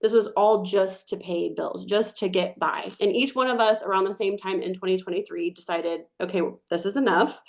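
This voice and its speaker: A woman in her thirties tells her own story on a webinar in an earnest way. Her voice sits at a middle pitch. She builds steadily from hard times toward a hopeful message. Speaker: webinar presenter. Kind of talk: personal success story.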